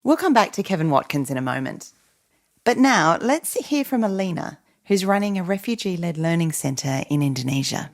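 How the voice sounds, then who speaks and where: A woman hosting a podcast, calmly announcing segments in scripted narration. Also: on the low side, moderate pace. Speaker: podcast host.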